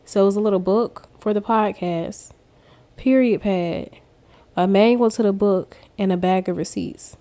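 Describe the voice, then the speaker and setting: In an unhurried, warm voice of medium pitch, a woman vlogger recounts her faith testimony casually. She chats with her viewers directly as she tells it.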